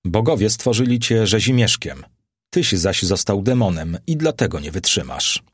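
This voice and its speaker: A man's voice: fairly low pitch, lively intonation, normal speed, slightly rough, no room sound, studio quality. A man reading the part of a cold, ironic Roman aristocrat who speaks in a cutting tone.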